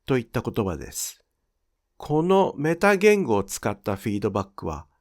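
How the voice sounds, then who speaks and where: Man explaining in a lively voice. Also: medium pitch. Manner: clear, measured explanatory delivery. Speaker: Japanese pronunciation teacher. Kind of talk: scripted instructional narration.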